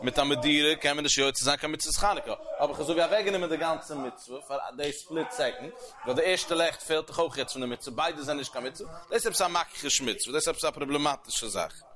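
A man giving a Talmud lecture as a religious teacher, animated, with sweeping rises and falls in pitch. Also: quick pace. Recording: crowd heard behind the voice. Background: crowd murmur.

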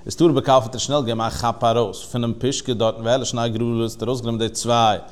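A man giving a Talmud lesson in a mid-pitched voice, rising and falling in a chanting study singsong. He talks in an animated way, breaking off and restarting as he explains. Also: fairly quick. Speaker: Talmud teacher. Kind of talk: Yiddish-style Talmud lesson.

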